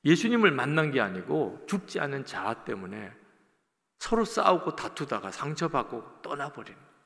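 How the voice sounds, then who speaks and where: A man's voice: mid-range voice, fairly bright tone. A man preaching a sermon as a pastor, telling stories, acting out quotes and speaking straight to the congregation. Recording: long church-hall reverb.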